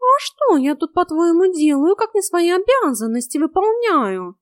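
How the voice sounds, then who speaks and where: A woman's voice: sits high, animated, moderate pace, no room sound, studio quality, pitched above the performer's own voice. A woman voicing a grumpy, rude male house cat who scolds and carries on theatrically in a storybook. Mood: agitated.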